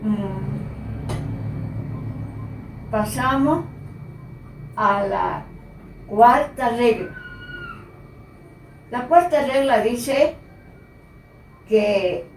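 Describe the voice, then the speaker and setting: A woman teacher giving a slow, patient spelling lesson and repeating the key words. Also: a little high, animated, slight background noise. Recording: echoey room, voice from a distance.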